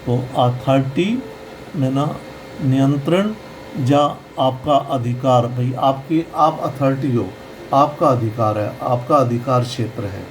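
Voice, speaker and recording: A man teaching pronunciation in a slow, explanatory lesson, patiently repeating each sound. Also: mid-range voice, slight background noise, rough recording.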